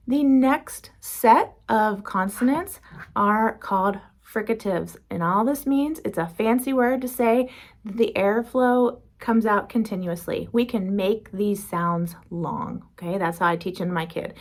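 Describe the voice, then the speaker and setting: A woman teaching beginner phonics, slowly demonstrating each speech sound and how the mouth makes it. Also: mid-range voice. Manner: slow, careful demonstrating of sounds. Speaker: reading and spelling teacher. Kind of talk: phonics lesson.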